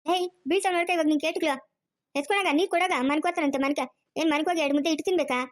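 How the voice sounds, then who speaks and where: A woman's voice: very high-pitched, steady tone, rapid-fire. A woman voicing a harsh, scheming middle-aged village aunt in a cartoon, barking orders. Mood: scolding. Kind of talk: cartoon dubbing.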